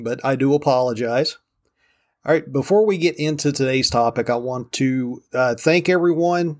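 A man with a Southern US hillbilly drawl hosting a podcast solo, talking casually in a folksy, self-deprecating way. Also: mid-range voice. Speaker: podcast host. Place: room in a rented house.

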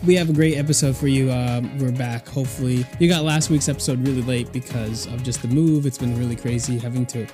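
A man's voice: mid-range voice, steady tone, a little fast, few pauses. A young man hosting a podcast in casual, chatty talk, recorded in an echoey apartment room. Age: young adult. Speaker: podcast host. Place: echoey room in a new apartment, makeshift studio. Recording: echoey room, music behind.

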